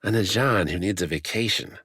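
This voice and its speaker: A man's voice: deep voice, brisk, a bit bright, husky, no echo, studio quality, pitched above the performer's own voice. A man voicing a cocky young male adventurer in an audiobook, with taunting, needling banter.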